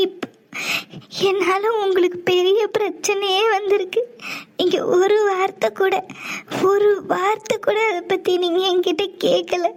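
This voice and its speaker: A woman voicing a loyal young servant woman in a cartoon, tearfully apologizing in a very high voice. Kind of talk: cartoon voice acting.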